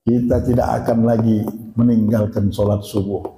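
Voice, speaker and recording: A man's voice: flat delivery, moderate pace, dark tone, a little hiss or hum. A man preaching a sermon in a mosque, retelling stories and acting out the quoted dialogue. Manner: acts out quoted dialogue with shifting pitch. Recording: echoey mosque hall with long reverb.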